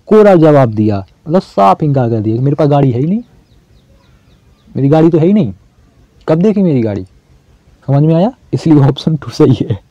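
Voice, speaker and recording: A man talks through exam questions like a relaxed teacher. He often asks a question and answers it himself. His voice is very dark and mellow, recorded dry and slightly dull. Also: a little high, moderate pace, long pauses, no room sound. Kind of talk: casual exam-prep lesson.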